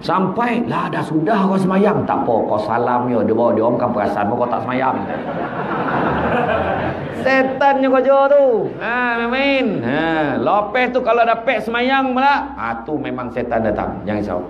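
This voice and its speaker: A man with a northern Malaysian accent giving a lively religious talk, acting out stories and joking with his listeners. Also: fairly quick, hardly any pauses. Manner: swings pitch widely, acts out characters, jokes. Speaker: preacher. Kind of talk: animated religious talk with storytelling. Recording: echoey room, slightly dull sound, faint noise.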